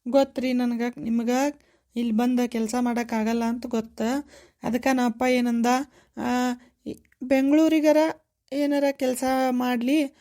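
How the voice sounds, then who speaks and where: A woman's voice: a little high, dark tone, natural voice. A woman voicing a devoted, emotional young village woman with a North Karnataka Kannada accent, pleading and insistent. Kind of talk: cartoon voice acting.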